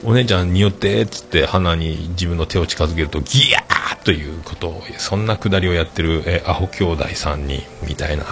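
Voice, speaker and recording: A man's voice: rumbling low, steady tone, fairly quick, few pauses. A man, hosting a casual podcast monologue, rambling through stories with many filler sounds. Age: 40s. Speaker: podcast host. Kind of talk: casual podcast monologue reading listener comments.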